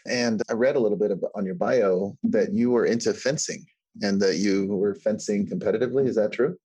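A man hosting a podcast interview, asking questions in a relaxed, encouraging way. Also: on the low side, fairly quick, husky, dry recording. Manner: relaxed, encouraging, many fillers. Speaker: podcast host.

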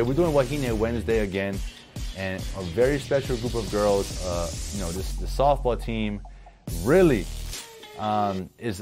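A man hosting a local sports headlines show, talking in a relaxed way with lots of fillers. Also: medium pitch. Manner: easygoing, repeats himself with fillers. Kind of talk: casual sports talk.

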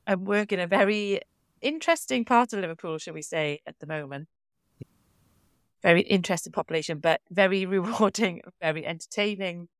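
A woman's voice: on the low side, brisk, clean tone, dry recording. A woman from the South Wales Valleys with a Welsh Valleys accent, chatting casually and informally as a podcast co-host in a down-to-earth way. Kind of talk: casual chat.

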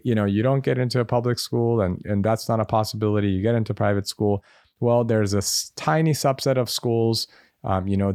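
A man's voice: lowish voice, a little mellow, no room sound, clean studio sound. An American man, a medical school admissions advisor, answering interview questions in a conversational way with many fillers. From United States.

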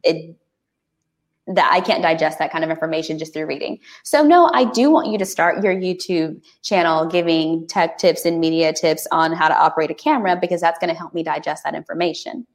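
A woman talking as a guest on a podcast in a lively, casual way, often laughing and restarting her sentences. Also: deep voice, a little fast.

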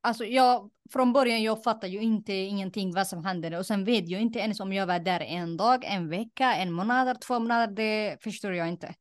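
Young Somali-born woman, non-native speaker, halting testimony, dry close mic. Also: mid-range voice, no room sound. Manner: plain, halting retelling with many fillers and reenacted quotes. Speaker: guest. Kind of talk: personal testimony interview.

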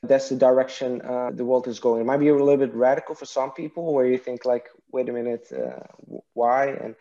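A man from Iraq who speaks, answering interview questions in a thoughtful, hesitant way. His voice is mellow and dark, and the sound is slightly dull and lo-fi, like remote call audio. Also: mid-range voice, fairly even intonation, brisk. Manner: thoughtful, hesitant, many restarts and fillers. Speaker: guest, partnerships and marketing executive.

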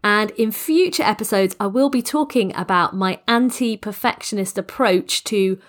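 A middle-aged woman hosting her own podcast as a business coach, sounding croaky and congested from a cold, talking in long, upbeat, motivational sentences. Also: medium pitch, normal speed. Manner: enthusiastic, motivational, speaks in long flowing sentences. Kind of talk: solo podcast monologue.

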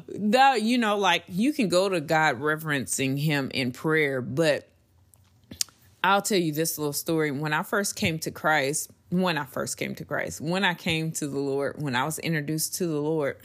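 A woman's voice: deep voice, unhurried, fairly bright tone. A woman hosting a faith-based podcast, talking earnestly in a rambling, personal way with frequent restarts. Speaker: podcast host.

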